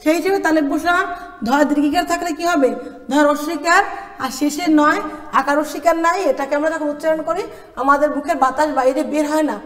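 Woman lecturer from Bangladesh, high voice, deliberate question-and-answer teaching, echoey hall sound. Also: fairly even intonation, fairly bright tone. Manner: slow, emphatic, asks questions then answers them. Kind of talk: classroom pronunciation lesson.

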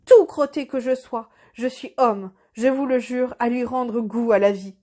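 Brief: noble, chastened young prince, read by a woman, formal storybook speech, high-pitched. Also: a little slow, dark tone. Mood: earnest. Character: young male prince, humbled, earnest and noble.

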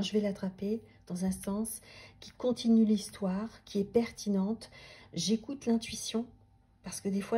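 Soft-spoken woman teaching, warm and breathy. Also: mid-range voice. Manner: thoughtful, restarts often, drops to near-whispers. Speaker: tarot teacher and coach. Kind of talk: unscripted teaching talk.

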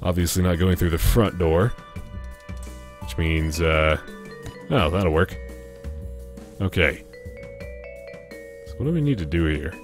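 A man's voice: deep voice, slow, long pauses, music in the background. A man hosting a gaming video with casual, joking commentary, often talking to himself. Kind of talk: casual let's play commentary.

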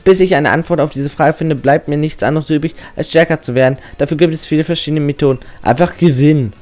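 A man's voice: a little high, quick pace, a little mellow, natural voice. A man reading aloud the lines of an eager teenage boy rival trainer in a game, earnest and keen.

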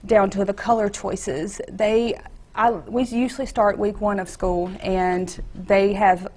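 A woman, an art teacher explaining her class on a TV interview in a chatty, halting way, on a lapel mic. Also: medium pitch, little pitch movement, darkish tone. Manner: chatty, halting with fillers and restarts. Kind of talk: TV studio interview. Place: TV news studio set, seated.

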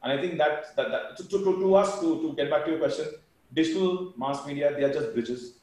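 Business interview guest: man, Indian accent, rapid emphatic delivery, heavily reverberant room. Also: a little high. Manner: animated, emphatic. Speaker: company co-founder, interview guest. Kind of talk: conversational interview answers. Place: indoor room, video call. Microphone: video call. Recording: very echoey room on video call.

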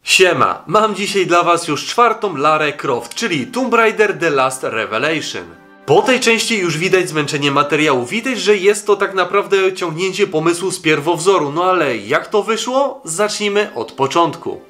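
A man's voice: sits high, lively intonation, moderate pace, bright, forceful tone, faint music behind. A young man narrating a scripted retro game review in a wry, conversational way.

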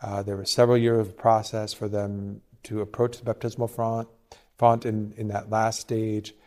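Fairly low-voiced monsignor, dry and reflective. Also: male voice, flat delivery, moderate pace, a little mellow. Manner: teasing, then reflective and explanatory. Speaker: monsignor and podcast host. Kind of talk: casual conversational podcast.

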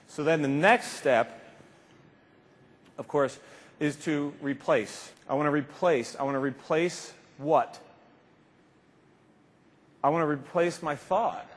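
This is a fiftyish man with a voice on the high side and a slightly rough texture. He delivers an informal, emphatic motivational keynote from a large indoor conference stage, leaning on repeated phrases, and his lapel mic captures a reverberant hall that slightly muffles him.

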